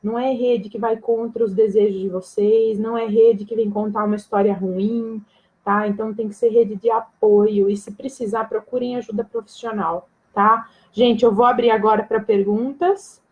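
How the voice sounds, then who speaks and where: A woman's voice: medium pitch, fairly even intonation, normal speed, narrow, tinny audio. A woman giving a live-stream talk to viewers as a breastfeeding educator, explaining things plainly, checking often that she is understood and joking casually with her audience. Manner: casual and direct with viewers, jokes and laughs.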